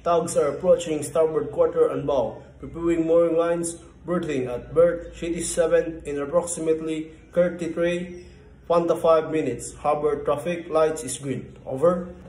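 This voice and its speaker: A man's voice: a little high, fairly even intonation, normal speed, a little mellow. A man playing a port control operator answering on marine radio, formal and clipped as he gives instructions. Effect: marine radio call. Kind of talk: scripted marine radio procedure. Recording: echoey room with faint background hum.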